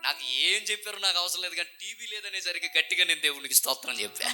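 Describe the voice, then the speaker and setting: Impassioned bright-voiced preacher man. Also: high voice, animated, fast talker, soft background music. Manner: impassioned, swings from hushed whispers to loud calls. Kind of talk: sermon testimony. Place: church revival meeting, over speakers.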